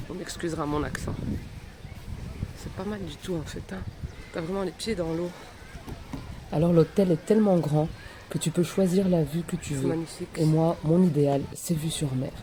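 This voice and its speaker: A woman's voice: low voice, noisy background. A young woman talking to her phone camera in a casual travel vlog, chatty and upbeat, recorded outdoors. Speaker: travel vlogger. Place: outdoors on a trip, at the airport, the hotel and on an excursion.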